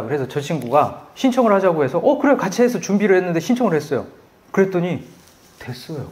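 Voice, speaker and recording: A middle-aged man preaching a sermon, telling stories with animated, loud quoted voices. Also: fairly high pitch. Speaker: pastor.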